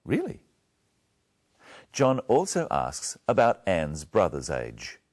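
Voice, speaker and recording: A male English teacher giving a patient lesson, speaking clearly and drilling words one at a time. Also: sits low, wildly swooping pitch, slow pace, a little mellow. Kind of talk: slow, clear lesson narration.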